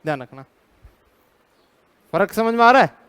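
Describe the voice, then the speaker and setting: A man's voice: high-pitched, very animated, moderate pace, fairly bright tone, smooth. An Indian man teaching a live class, drilling students with repeated questions, firm and teasing.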